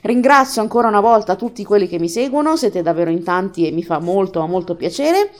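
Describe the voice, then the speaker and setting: A woman's voice: medium pitch, animated, brisk. A woman hosting a casual tutorial, chatty and enthusiastic, explaining each step to her listeners. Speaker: podcast host teaching an app.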